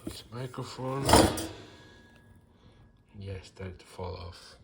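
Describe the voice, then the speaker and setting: In his woodworking shop, a channel host with a Mexican accent unboxes and reviews a microphone, rambling with dry, self-mocking humor and plenty of fillers. His voice sits low with vocal fry, he talks slowly, and heavy background noise fills the recording.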